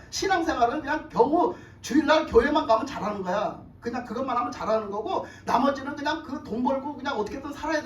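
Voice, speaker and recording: Brief: woman pastor, animated story-sermon, mid pitch; roomy hall, far mic. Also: slight background noise. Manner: colloquial, animated storytelling with laughs and acted quotes. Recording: roomy church hall, distant mic, faint ambience.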